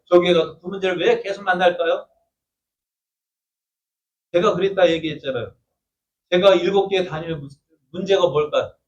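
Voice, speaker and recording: A male pastor giving a Sunday afternoon sermon, often asking the congregation questions and answering them himself. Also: high-pitched. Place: church sanctuary. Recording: distant mic with faint room noise.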